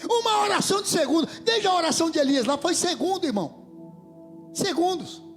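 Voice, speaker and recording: High-voiced fervent Brazilian preacher. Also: male voice, expressive, fairly quick, soft background music. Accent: Brazilian Portuguese. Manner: fervent, swells to shouts and drops to near whispers. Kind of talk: sermon. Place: church hall. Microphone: handheld microphone.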